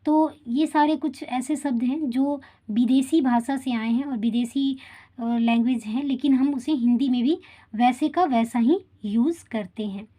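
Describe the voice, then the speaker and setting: A woman's voice: sits high, a little slow, mellow. A woman teaching a Hindi grammar lesson to children, speaking to them directly and often checking in with short tag questions. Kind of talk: explaining a school grammar lesson.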